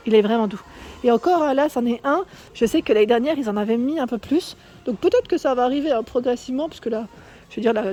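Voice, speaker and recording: Woman, slightly high voice, mellow tone, chatty shop vlog, phone camera. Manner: chatty, asks viewers for opinions. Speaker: vlogger. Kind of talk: casual store walkthrough vlog. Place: inside a shop.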